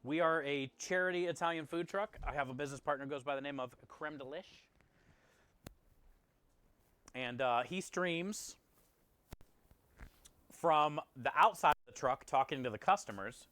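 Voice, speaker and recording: Clear-voiced man chatting casually on a livestream. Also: a little high, moderate pace, a bit bright, dry recording. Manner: friendly, appreciative, conversational. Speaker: food truck chef and streamer. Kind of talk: casual livestream chat to viewers.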